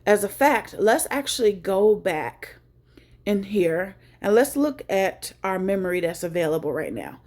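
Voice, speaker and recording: A woman's voice: mid-range voice, very animated, unhurried, darkish tone. Woman doing a laid-back phone cleanup tutorial, talks her way through each step, little jokes. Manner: chatty, joking asides, thinks aloud. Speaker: tech tutorial host. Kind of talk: casual screen-share tutorial.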